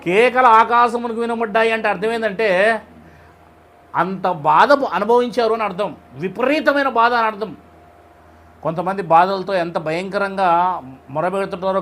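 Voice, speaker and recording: A man's voice: sits high, a bit bright, slight background noise. A man preaching in a conversational style, putting rhetorical questions to his listeners and retelling stories in plain speech. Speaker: preacher leading a Bible study. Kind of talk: conversational sermon.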